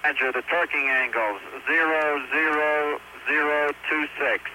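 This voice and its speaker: A man's voice: fairly high pitch, fairly even intonation, measured pace, bright, forceful tone. A man speaking as an astronaut over space radio, reading out numbers digit by digit in a clipped, procedural way. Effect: space radio transmission. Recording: noisy archival space-to-ground radio, clicks.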